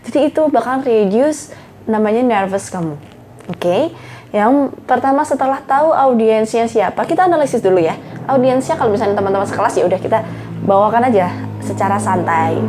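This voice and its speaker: A woman's voice: a little high, lively intonation, normal speed, a little mellow, faint music behind. A young woman talking casually to camera, giving public speaking tips and calling herself by her own name. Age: young adult. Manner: chatty, refers to herself by name, mixes in English phrases. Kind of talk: casual tutorial talk to camera.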